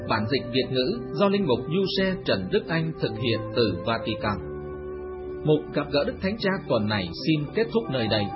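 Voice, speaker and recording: A man's voice: medium pitch, sing-song, normal speed. A man reading a scripted religious radio news segment in a formal way. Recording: lo-fi radio recording with music behind.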